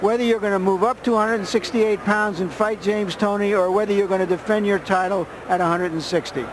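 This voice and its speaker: A man doing broadcast boxing analysis and interviews in measured, wordy phrases. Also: high-pitched, fairly even intonation. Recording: very noisy live arena broadcast.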